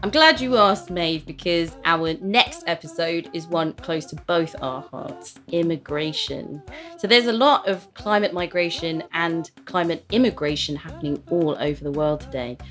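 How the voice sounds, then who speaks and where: A woman podcast co-host with a fairly low voice, presenting segments with emphatic enthusiasm. Faint music sits quietly behind her. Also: normal speed. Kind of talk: podcast chat and scripted segments.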